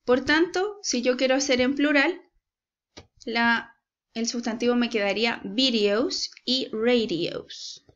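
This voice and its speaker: A Chilean woman teaching an English lesson in an unhurried, patient way, often pausing to check that her class is following. Her voice sits a little high. The recording sounds dull and lo-fi, like a home recording. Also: a bit bright. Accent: Chilean Spanish. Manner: slow, patient, checks in with "¿cierto?".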